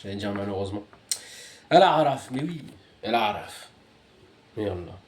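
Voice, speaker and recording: A man reading and commenting on scripture, muttering quiet asides between louder, rising recitations. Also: lowish voice, moderate pace, echoey room, slight background noise. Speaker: religious reader.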